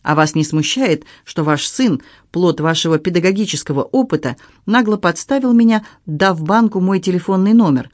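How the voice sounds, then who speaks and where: A man's voice: sits high, animated, moderate pace, few pauses, no echo, studio quality. A man voicing a hurt, indignant young stepdaughter who speaks reproachfully.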